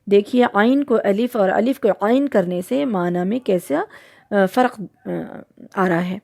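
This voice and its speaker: A woman gives a religious lesson on recitation, explaining patiently and pausing often. Her voice has a gravelly edge and a mellow, warm tone, at an ordinary pitch for a woman. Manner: patient, explains step by step with many pauses. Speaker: Quran recitation teacher.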